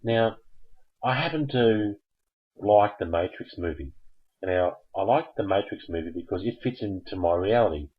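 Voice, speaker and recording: A man's voice: deep voice, husky, muffled recording. A man hosting a live call-in stream, chatting casually and jokingly coaxing viewers to phone in. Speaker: host of a live call-in show.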